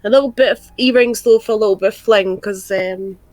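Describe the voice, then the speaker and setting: A woman's voice: medium pitch, fairly quick, darkish tone, no echo. A woman taking part as a player in a tabletop game, chatting playfully and speaking in character. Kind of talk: casual chat and in-character play. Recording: dry with faint background music.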